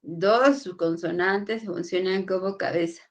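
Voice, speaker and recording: A woman's voice: mid-range voice, slow pace. A woman teacher, giving a classroom lesson and often asking her students whether they follow. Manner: asks frequent checking questions.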